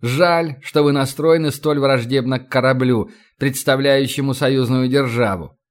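A man's voice: medium pitch, unhurried, natural voice. Guy doing a cold stiff navy captain, short replies, audiobook. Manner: cold, curt. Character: stern male navy captain.

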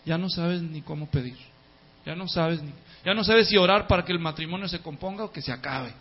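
Male pastor, high-pitched, emphatic sermon delivery, dull lo-fi sound. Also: brisk. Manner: emphatic, repeats key words in lists, swings from loud to soft.

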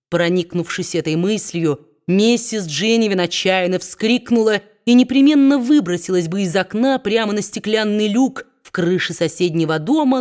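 Brief: woman audiobook narrator, lowish voice, measured and expressive delivery of a classic novel. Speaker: audiobook reader.

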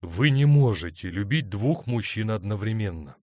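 A man's voice: fairly low pitch, lively intonation, normal speed, dark tone, dry recording, studio quality. A man doing an impatient lovesick young man. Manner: insistent, impatient.

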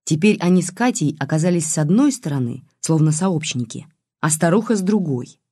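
An audiobook narrator reading a novel in a lively scripted narration. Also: medium pitch, a little fast, husky, no echo.

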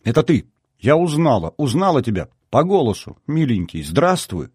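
A man's voice: mid-range voice, sing-song, moderate pace, a little mellow, husky, no echo, studio quality, pitched above the performer's own voice. A man reading an audiobook, voicing a tearful, overjoyed young woman who talks in breathless, affectionate bursts. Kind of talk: audiobook character voice.

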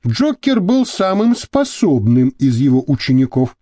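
A man narrating an audiobook in a lively, expressive way. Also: mid-range voice, measured pace, no echo. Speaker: audiobook reader. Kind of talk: scripted narration.

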